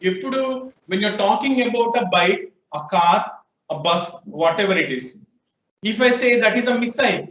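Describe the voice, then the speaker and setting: High-voiced Telugu-accented male teacher, quizzing students in class, echoey room, mic set far off. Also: lively intonation, drawn-out words, fairly bright tone, a little hiss or hum. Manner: questioning students, prompting answers. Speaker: programming teacher. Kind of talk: classroom lecture mixing Telugu and English. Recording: echoey room, distant, dull lo-fi sound.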